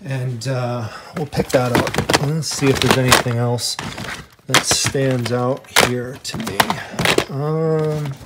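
A man's voice: mid-range voice, steady tone, takes it slowly, very noisy. Chatty man filming an estate sale. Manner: chatty, lots of "I mean" and "you know". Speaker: treasure hunting vlogger. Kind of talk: casual handheld walkthrough. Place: indoors at an estate sale house. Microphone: handheld camera, first-person view.

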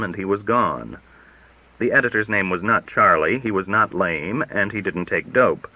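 Man reading an audiobook, measured storytelling, dry close mic, dull lo-fi sound. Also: fairly low pitch, bright, forceful tone, no room sound. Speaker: audiobook reader. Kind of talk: audiobook narration.

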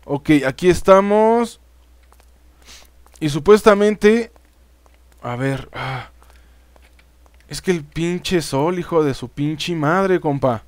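A man's voice: fairly high pitch, lively intonation, takes it slowly, long pauses, dry recording. A man with a Mexican accent giving casual let's-play commentary, chatting straight to his viewers and swearing freely. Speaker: gaming YouTuber.

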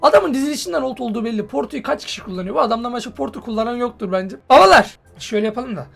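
High, gravelly excitable man gaming. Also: rapid-fire. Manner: excitable, joking, swears and yells at players. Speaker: mobile football gamer. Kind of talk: casual gameplay commentary.

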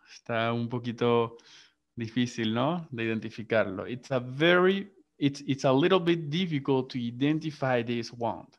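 A man teaches an English lesson over a video class, switching between Spanish and English as he goes. He speaks very slowly and patiently, repeating each word so students can follow. The sound is muffled, like compressed call audio. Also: mid-range voice. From Latin America. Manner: patient, repeats and drills words aloud.

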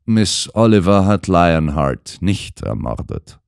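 A man voicing a calm, shrewd gentleman detective. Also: low voice, creaky, smooth, dry recording, clean studio sound, exaggerated voice. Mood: explaining. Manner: measured, precise, explaining. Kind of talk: audiobook character voice.

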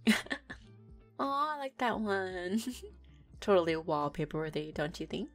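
A young woman voices a playful, affectionate neko girlfriend in an audio roleplay, giggling and teasing as she speaks. Her voice is lowish and unhurried, with faint music in the background.

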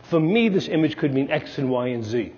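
A Jungian analyst from Brooklyn, New York, gives a conference talk from a podium on a large dark stage in a lecture hall, telling stories emphatically and gesturing with his hands. His mid-range voice is animated, brisk, slightly mellow, with a breathy edge. The clip-on lapel mic yields a lo-fi recording with long hall reverb.

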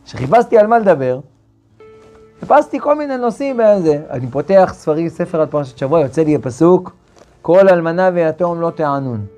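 Rabbi teaching a Torah lesson: a high-pitched man who intones verses and repeats himself, faint music behind. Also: expressive, mellow. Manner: chants scripture verses slowly and emphatically; repeats phrases with hesitant restarts.

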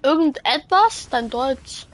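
A young woman chatting slowly and laughing with a friend on a gaming livestream. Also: sits high, animated, a little hiss or hum. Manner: slow, drawn-out, laughs a lot. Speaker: co-streamer friend. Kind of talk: casual gaming stream chat.

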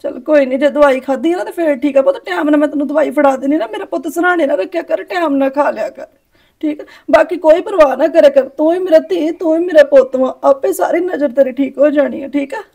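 A woman's voice: high voice, fast talker, gravelly, mellow. A woman playing a tender, worn-down mother who keeps comforting her blind daughter with repeated reassurances. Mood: consoling. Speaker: actor in a family short film. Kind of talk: melodramatic village drama acting.

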